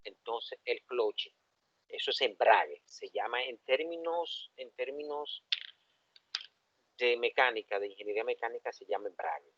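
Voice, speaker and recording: A man's voice: medium pitch, moderate pace, no room sound. Dominican man lecturing an engineering class. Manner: lively, asks the class questions. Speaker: engineering professor. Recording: dull, dry lo-fi classroom recording.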